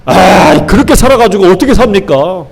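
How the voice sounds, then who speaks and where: A man's voice: high-pitched, lively intonation, brisk, slightly rough, exaggerated voice. A pastor voicing a worldly man who scoffs at living by faith, with an exasperated, mocking manner. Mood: scoffing.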